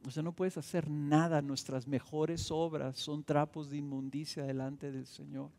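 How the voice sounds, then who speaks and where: A man's voice: a little high, flat delivery, measured pace, creaky, a little mellow. A man preaching a sermon as a pastor, driving his points home with emphatic bursts and rhetorical questions. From Mexico. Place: church sanctuary. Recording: reverberant church hall.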